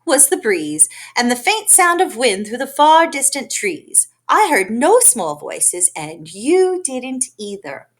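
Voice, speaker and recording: A woman's voice: a little high, sing-song, slow pace, hardly any pauses. A woman voicing a bossy, scornful female kangaroo in a children's storybook, with a snappish, scolding manner. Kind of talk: children's storybook read-aloud.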